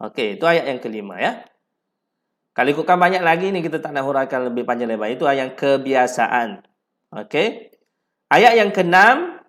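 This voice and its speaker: A man with a Malaysian Malay accent teaching Quran recitation, repeating words slowly syllable by syllable to correct pronunciation and breaking into drawn-out chanted verses. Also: a little high, fairly bright tone.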